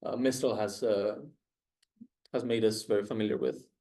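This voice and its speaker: A man's voice: lowish voice, fairly even intonation, normal speed, warm tone. A man co-hosting a casual technical discussion of AI news, hesitant with many fillers and restarts.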